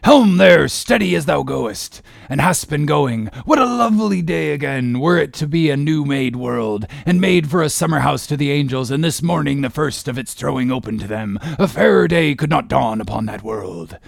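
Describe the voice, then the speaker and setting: A man voicing an obsessed old one-legged whaling captain in a gravelly, raspy voice, declaiming grandly in archaic seafaring speech for an audiobook. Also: on the high side, expressive, normal speed, few pauses, no room sound, studio quality, voice pushed up, full character voice. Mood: brooding. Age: older. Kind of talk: dramatic audiobook character reading.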